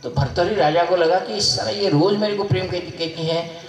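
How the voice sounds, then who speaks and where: A spiritual teacher tells a story in an animated discourse, slipping into the voices of his characters. His voice sits high for a man. It rings through a large echoey hall and is picked up from well away from the mic. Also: moderate pace, recorded from a distance.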